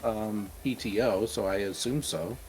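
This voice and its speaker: A man's voice: measured pace, a little mellow, rough recording. A man talking casually with friends during a gaming session. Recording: clear rumbling background noise.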